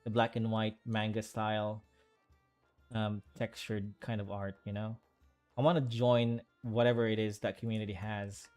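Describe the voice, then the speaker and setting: Man, artist streamer, casual chat while drawing, halting and rambly, faint music behind. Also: fairly low pitch, flat delivery, darkish tone. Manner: rambling, halting, with many fillers and restarts.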